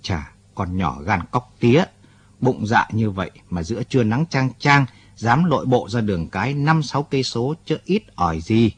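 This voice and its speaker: A man's voice: medium pitch, animated, moderate pace, husky. A man voicing an older rural man who is blunt but kind-hearted. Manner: scolding yet fatherly, talks bluntly.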